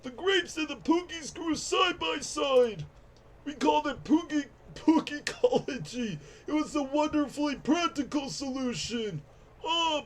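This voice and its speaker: A man's voice: very high-pitched, pitched above the performer's own voice, rough recording. A man voicing a chatty, nostalgic, grumpy old villager from a video game in a strained old-man voice. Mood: nostalgic, rambling. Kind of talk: video game character read aloud.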